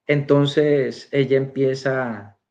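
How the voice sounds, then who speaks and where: A man's voice: mid-range voice, steady tone, drawn-out words, darkish tone, muffled recording. A man giving a spoken personal testimony as a church member, telling his story and acting out the dialogue.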